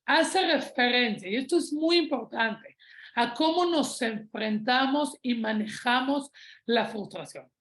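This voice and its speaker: Mexican woman, 30s, parenting speaker, conversational storyteller, slightly high, roomy echo. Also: lively intonation, a little slow, fairly bright tone. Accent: Mexican Spanish. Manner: conversational, checks in with "¿ok?". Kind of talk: parenting talk with anecdotes.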